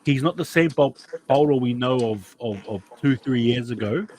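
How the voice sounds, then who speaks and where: Male host, casual footy preview chat, mid pitch, lots of restarts. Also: normal speed, a little mellow, poor audio. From New Zealand. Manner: chatty, repeats words and restarts often. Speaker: podcast host.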